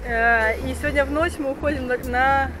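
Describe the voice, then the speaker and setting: Woman in her 30s, sailing vlogger, upbeat and chatty, a bit high, camera at arm's length outdoors, loud music behind. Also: fairly even intonation, moderate pace. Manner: chatty, upbeat, with hesitant fillers. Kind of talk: casual vlog narration. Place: deck of a sailing yacht at sea, outdoors. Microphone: action camera held at arm's length.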